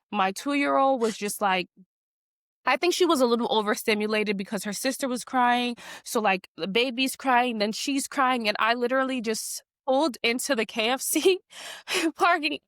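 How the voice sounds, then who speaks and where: A woman and mother speaking reflectively in a casual heartfelt conversation, often pausing to find words. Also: fairly high pitch, a bit bright, no room sound, clean studio sound. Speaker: mother, co-host.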